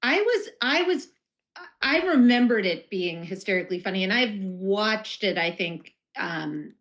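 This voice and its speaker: A woman guesting on a casual movie podcast, relaxed and agreeable, chatting about films. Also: medium pitch, measured pace. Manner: relaxed, agreeable, short reactions.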